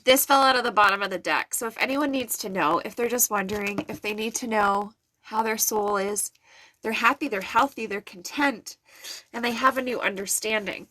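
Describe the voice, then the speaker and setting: A woman's voice: medium pitch, normal speed, pushed and bright, slight background noise. A middle-aged woman giving an earnest, soothing live card reading, talking straight to her viewers. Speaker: intuitive card reader. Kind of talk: live-stream tarot reading.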